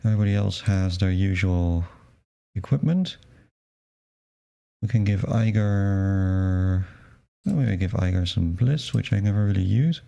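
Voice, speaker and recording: Gravelly low-voiced man streaming a game. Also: unhurried, pauses often, lo-fi sound. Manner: relaxed, musing, wry. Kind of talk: casual let's-play commentary and narration.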